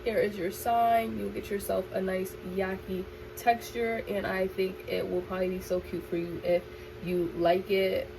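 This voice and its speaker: A young woman chats to her camera in a bubbly, gushing sorority-girl way, stretching words for emphasis. Her mid-pitched voice often drops into a creaky fry. It is a casual home recording with faint noise behind her. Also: level tone, moderate pace. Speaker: vlogger. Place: indoors in a room at home.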